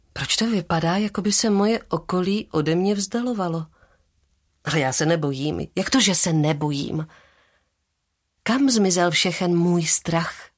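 A woman narrating a first-person memoir in a calm, soft, reflective way. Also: on the low side.

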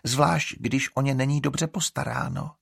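A man's voice: medium pitch, steady tone, gravelly, a bit bright, husky, dry recording, clean studio sound, voice pushed up, full character voice. A man voicing a sly, scheming young girl in an audiobook, wheedling and then scornful. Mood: explaining.

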